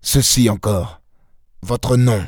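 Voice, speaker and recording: A man's voice: mid-range voice, slow, dry recording, studio quality. A man reading an audiobook and voicing a desperate, cornered safecracker who talks in a blunt, clipped, resentful way. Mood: bitter, defeated.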